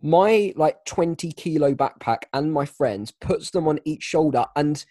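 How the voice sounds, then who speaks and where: Animated young man telling a story. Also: a little high, measured pace, no echo. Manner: animated, self-mocking. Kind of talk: casual anecdote telling.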